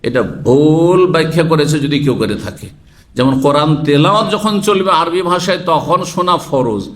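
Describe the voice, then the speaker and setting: A man's voice: fairly high pitch, expressive, moderate pace, fairly bright tone, slight background noise. A man from Bangladesh preaching a sermon lecture in a mosque, explaining Arabic verses word by word and putting rhetorical questions to his listeners. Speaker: Islamic preacher.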